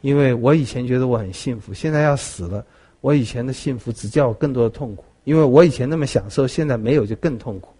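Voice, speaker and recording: A man's voice: fast, dark tone, breathy edge, natural voice. A man preaching acts out a boastful, indignant rich ancient king in a raised voice. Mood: rueful. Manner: pleading and boastful, rising high.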